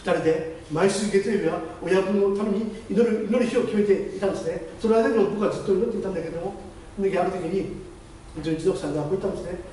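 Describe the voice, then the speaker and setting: A high-pitched male pastor tells his testimony at a brisk clip, acting out the other voices in his story. His voice is picked up from some distance in a heavily reverberant chapel, with faint noise underneath. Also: warm tone. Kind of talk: testimony sermon. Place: church chapel. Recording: very echoey hall, distant mic, faint noise.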